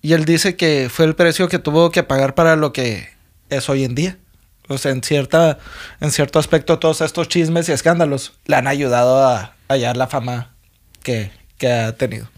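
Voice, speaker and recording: With a mid-range voice, steady tone, and moderate pace, this young Mexican man chats casually as a podcast co-host. His style is easygoing and jokey, heavy on slang and laughter.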